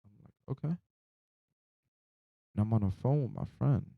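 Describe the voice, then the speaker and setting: A man's voice: lowish voice, moderate pace, vocal fry, dry recording, phone-quality sound. A young man, sleep-deprived and drowsy, rambling casually through a personal story in loose slang with some swearing.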